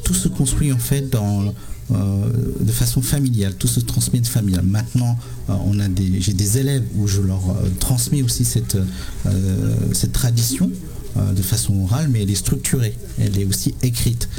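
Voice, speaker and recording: A man from Sri Lanka, in his thirties, answering interview questions as a musician guest, halting with many fillers and repeated words. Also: on the low side, creaky, dark tone.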